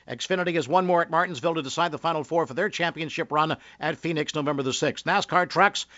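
Bright high-voiced radio host. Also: male voice, no echo. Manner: brisk announcer delivery. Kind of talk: motorsport news radio hosting.

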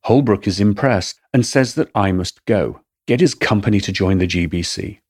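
Low-voiced man reading a diary. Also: moderate pace, slightly rough, no room sound. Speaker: podcast narrator. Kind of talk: scripted diary narration. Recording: dry studio voice-over, soft music.

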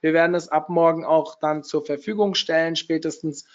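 A man with a hoarse voice, still recovering from losing it, chattily hosting a casual webinar. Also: on the high side, steady tone, moderate pace. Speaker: webinar host. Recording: dull, lo-fi webinar audio.

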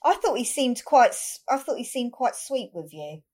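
A woman with an English accent co-hosting a casual podcast, direct and quick to chide and interject. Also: fairly high pitch, sing-song, darkish tone. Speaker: podcast co-host. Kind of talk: casual chat.

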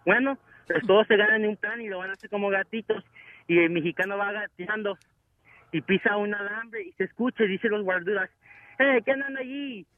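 Halting male joke teller on radio. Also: sits high, steady tone, no room sound, phone-quality sound. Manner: slow, halting joke telling.

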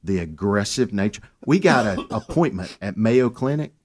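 A man with a somewhat low voice, speaking as a guest on a talk show. He tells his story earnestly and with animation, sometimes slowing to lean on a point. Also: expressive. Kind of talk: casual radio chat.

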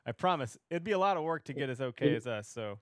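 A man's voice: mid-range voice, expressive, fast, no room sound. A man from Wisconsin hosting a podcast, chatting casually and telling anecdotes. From Wisconsin, United States. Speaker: podcast host. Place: basement room.

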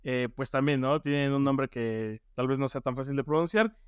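A man's voice: mid-range voice, normal speed, clear, resonant tone, dry recording. A man with a Mexican accent, co-hosting a podcast, chatting casually about music with slang and fillers. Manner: rambling, playful, lots of fillers and slang. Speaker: podcast co-host.

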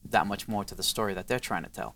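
Man, lowish pitch, crisp bright tone, casual interview guest, conversational storytelling. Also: fast talker, a little hiss or hum. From Queens, New York. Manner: acts out quoted exchanges, peppers talk with 'you know'. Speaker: interview guest, design studio co-founder.

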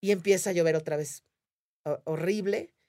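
A woman with a Mexican accent tells a story in relaxed conversation. Her voice sits a little low for a woman. She jumps into the voices of the people in the story as she goes. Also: normal speed. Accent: Mexican Spanish. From Mérida, Mexico. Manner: animated, acts out voices of others in her story. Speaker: podcast guest. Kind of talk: casual storytelling.

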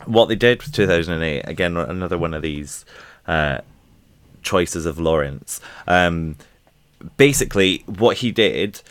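A man's voice: low-pitched, a little slow, smooth, no room sound. A man chatting enthusiastically about musical theater on a podcast, acting out lines as he goes. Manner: enthusiastic, animated, acts out lines. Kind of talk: casual chat.

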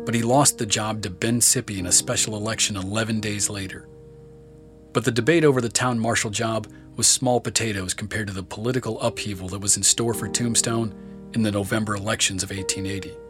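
Male history narrator, slightly low voice, even scripted delivery, music bed and crickets behind. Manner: measured storytelling delivery.

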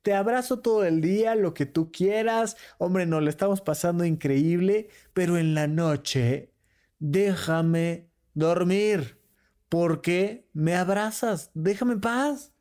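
Bickering couples come to life in quick quoted voices as a male podcast host talks casually about relationships. He sounds animated, with his pitch swinging up high and down low.

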